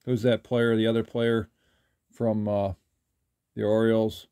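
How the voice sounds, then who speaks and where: An older man talking casually while sorting trading cards, rambling with halting restarts. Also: lowish voice, level tone, warm tone, clean tone, no echo, clean studio sound. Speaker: trading card collector. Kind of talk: casual card-flipping commentary. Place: indoors at a table.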